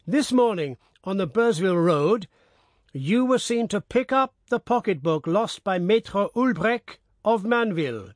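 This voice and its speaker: A man's voice: sits high, animated, measured pace, dry recording, voice pushed up. A grave, pompous small-town mayor, as a male narrator puts him on, speaking in a raised, formal tone with weighty authority. The storybook recording is dry and close. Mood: accusing.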